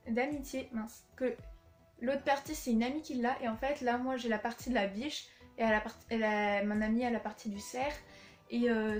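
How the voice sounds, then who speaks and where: Casting: young woman, fairly high voice, rambling home vlog, echoey room, soft music under. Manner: chatty, with many fillers and restarts. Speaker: vlogger showing her collection. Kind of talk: casual chat. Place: her room at home, indoors.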